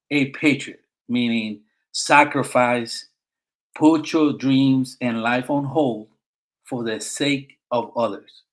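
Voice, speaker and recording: A middle-aged Marine veteran from Puerto Rico, speaking with a Puerto Rican accent, talks earnestly as a guest in a conversational interview, with frequent fillers and restarts. His voice is mid-range. The recording quality is low.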